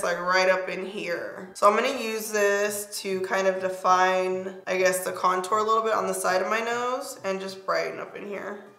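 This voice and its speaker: A young beauty vlogger chats playfully while doing her makeup in a loose, casual tutorial, sitting close to the camera in a small home studio with a pink backdrop. Her voice is slightly hoarse and squeaky with a fairly bright tone, and the room adds a noticeable echo.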